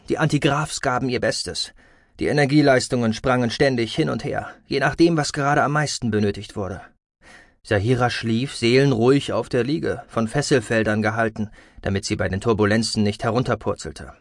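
A man reads sci-fi prose in a steady, measured way. His pitch is mid-range and ordinary. The recording is dry and close, with no room sound. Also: dry recording. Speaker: audiobook narrator. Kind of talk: scripted science-fiction narration.

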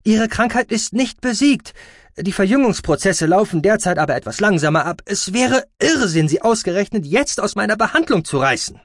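Shrill, domineering alien medic, read by a man, barking orders, dry studio sound. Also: normal speed, dry recording. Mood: imperious. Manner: loud, scolding, clipped. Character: shrill agitated male alien doctor, imperious.

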